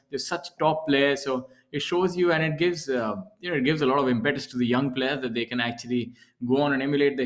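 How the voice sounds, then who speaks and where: A man gives live golf commentary with an average-pitched voice. He talks conversationally, explaining as he goes and wandering through his thoughts at some length. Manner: explanatory, discursive, addressing newcomers and co-commentator.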